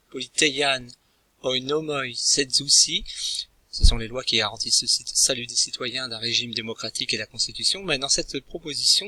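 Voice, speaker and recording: A man teaching a recorded language lesson, speaking in a hesitant way with frequent pauses and restarts. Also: medium pitch, bright, forceful tone, no echo. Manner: hesitant, many filler sounds and restarts.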